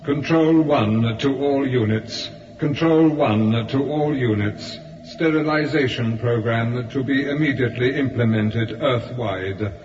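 A man's voice: mid-range voice, unhurried, hardly any pauses, music in the background, close to an everyday voice. Male actor as a control officer calling all units, far off and roomy, lo-fi. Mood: commanding. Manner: repetitive command announcements. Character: flat military control officer broadcasting orders.

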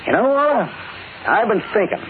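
A man's voice: sits high, sing-song, moderate pace. A man playing a blunt, suspicious, slangy tough-guy crook in an old-time radio drama. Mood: relaxed, approving. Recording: tinny, noisy old radio recording.

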